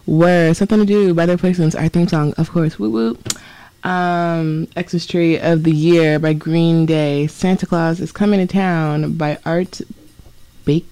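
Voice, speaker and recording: Here a college radio co-host in her twenties, about twenty and southern-accented, chats and giggles in loose slang into a studio mic. Her voice runs on the low side, mellow, clear and resonant, with fairly even intonation, a measured pace and no echo.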